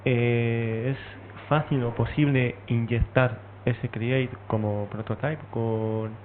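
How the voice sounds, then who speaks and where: A man in the audience asking a speaker technical questions in a hesitant, halting way. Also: medium pitch, steady tone. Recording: tinny phone-like sound with faint noise.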